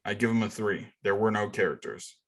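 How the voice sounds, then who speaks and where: A man's voice: lowish voice, a little fast. Sarcastic male podcast co-host. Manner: sarcastic, profane, mocking. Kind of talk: casual chat.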